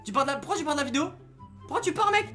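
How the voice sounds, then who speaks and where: Hyper young French gamer yelling high. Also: male voice, expressive, racing, soft background music. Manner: hyper, yelling, teasing, repeats himself. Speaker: gaming YouTuber. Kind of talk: excited gaming vlog with sibling.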